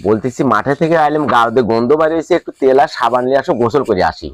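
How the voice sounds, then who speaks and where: A man's voice: medium pitch, very fast, dry recording, lightly acted. An actor playing a weary, henpecked village husband who grumbles about his wife in a comic short film. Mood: grumbling. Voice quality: grumbling, complaining.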